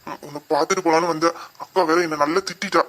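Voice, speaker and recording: A loving young uncle full of regret, as a performer plays him, with a bright, quick voice at a middling pitch. He speaks tenderly and apologetically and slips into gentle teasing. It is an audio drama. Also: steady tone, lightly acted. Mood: remorseful.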